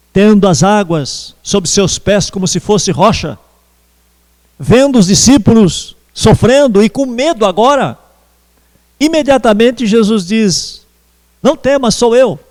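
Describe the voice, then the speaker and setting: A man preaching a sermon as pastor, slow and measured with pauses. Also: high voice, animated, darkish tone, big-room sound. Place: church.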